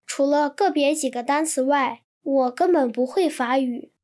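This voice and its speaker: A woman reading translated textbook sentences in an even, clear manner. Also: high-pitched, moderate pace. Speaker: Chinese translation reader.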